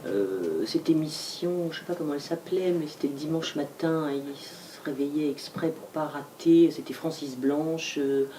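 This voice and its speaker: A woman speaking at a bookshop author talk, halting, with frequent fillers and repeated words. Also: low-pitched, warm tone. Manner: hesitant, frequent fillers and repetitions. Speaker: novelist guest at a bookshop talk. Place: bookshop event. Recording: distant mic, faint room noise.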